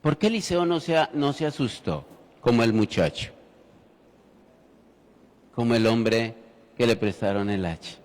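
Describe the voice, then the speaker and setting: A man's voice: mid-range voice, unhurried, pauses often, a little mellow. A man preaching a sermon in church, telling the story with humor and speaking directly to the congregation. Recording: reverberant church hall.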